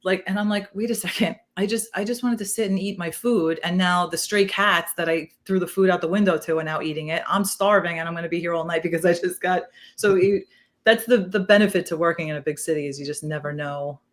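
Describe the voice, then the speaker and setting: A middle-aged woman with a New York accent, a retired police detective telling animated stories in a casual interview, with a lot of "like". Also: fairly low pitch. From South Queens, New York City. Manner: animated, fast, peppered with "like".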